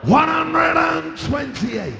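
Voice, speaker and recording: A man working as a darts score caller, announcing scores in an emphatic, drawn-out manner. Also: very high-pitched, lively intonation, vocal fry, very noisy.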